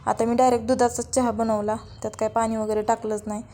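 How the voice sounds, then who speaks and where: A woman tells her day in a relaxed, chatty vlog voice-over. Her voice sits a little high, and its pitch stays fairly level from phrase to phrase. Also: quick pace. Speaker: vlogger. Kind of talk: casual vlog narration.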